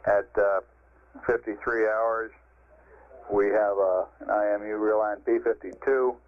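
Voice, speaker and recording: An American man working as a mission control communicator, speaking in crisp procedural radio-check style over a band-limited vintage space radio link. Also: fairly low pitch, flat delivery, measured pace, no room sound, narrow, tinny audio.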